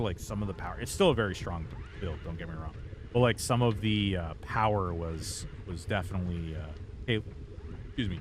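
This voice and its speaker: A man's voice: sits low, noisy background. A man streaming a game, chatting casually and rambling with lots of fillers and restarts. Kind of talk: casual gameplay commentary.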